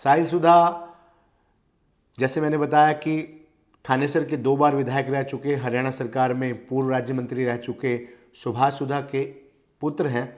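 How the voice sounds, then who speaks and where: A man's voice: mid-range voice, flat delivery, moderate pace, darkish tone. A man presenting local news commentary in an emphatic, repetitive manner, stressing phrases by restating them.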